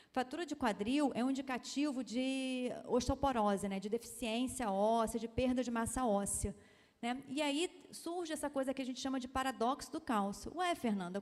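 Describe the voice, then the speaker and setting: A Brazilian pediatrician giving a lecture, in a chatty way with many tag questions and quoted voices. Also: female voice, high voice, in a large hall. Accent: Brazilian Portuguese. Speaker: pediatrician giving a seminar talk. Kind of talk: lecture talk. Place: university lecture hall.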